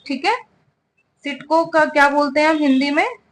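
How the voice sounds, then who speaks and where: A woman's voice: high voice, normal speed. A woman teaching English vocabulary, spelling words out letter by letter and checking in with "ठीक है" over and over. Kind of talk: spoken English lesson.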